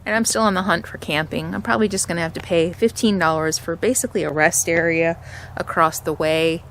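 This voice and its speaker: A woman's voice: lowish voice, a bit bright. A woman RV vlogger talking casually to camera outdoors, chatting and reading out local history with small stumbles. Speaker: RV travel vlogger. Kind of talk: casual travel vlog narration.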